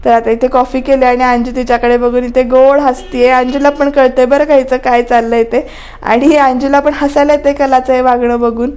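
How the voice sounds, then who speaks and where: A woman's voice: sits high, little pitch movement, moderate pace, a little mellow, clean tone. A woman giving a chatty, casual voice-over recap of a TV serial, turning often to her viewers. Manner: chatty, talks straight to viewers. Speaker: TV serial reviewer. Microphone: voice-over mic.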